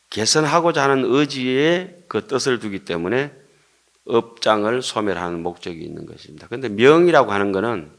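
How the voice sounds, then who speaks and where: Speaking with a Gyeongsang accent, an older Korean Buddhist monk gives a sincere dharma talk, tossing out rhetorical questions and sharing jokes with listeners. His voice is lowish with a fairly bright quality.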